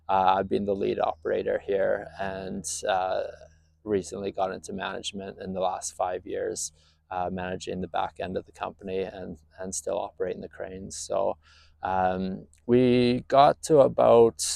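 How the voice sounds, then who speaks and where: Gravelly low-voiced man from Northern Ireland. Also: darkish tone, no echo. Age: 30s. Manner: plain-spoken, many fillers. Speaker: crane business owner. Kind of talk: casual personal story to camera.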